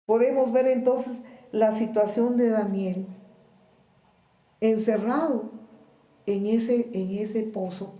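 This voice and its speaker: Slow-preaching Guatemalan woman pastor. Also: on the high side, steady tone, warm tone, reverberant. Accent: Guatemalan Spanish. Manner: slow, measured preaching with pauses and repeated words. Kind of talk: sermon. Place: church.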